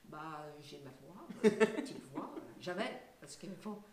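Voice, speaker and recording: A woman's voice: deep voice, expressive, moderate pace, echoey room, a little hiss or hum. An older woman being interviewed, talking casually and hesitantly with many fillers and light laughs. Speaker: singer and voice actress, guest.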